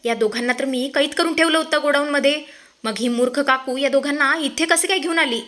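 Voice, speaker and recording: A scheming young villain from a retold soap story, cruel and threatening, read out by a woman. The voice stays high and bright, close to the reader's own. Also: a little fast. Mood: worried. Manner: menacing threats told in retelling.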